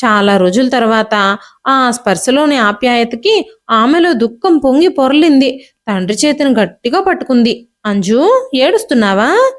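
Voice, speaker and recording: A woman narrating an emotional family story in a steady, expressive reading. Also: fairly high pitch, moderate pace.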